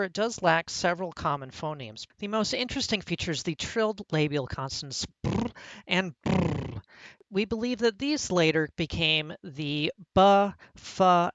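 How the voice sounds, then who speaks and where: A speaker delivering a scripted parody lecture as a mock college professor, in a deadpan, mock-serious manner. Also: mid-range voice, no echo.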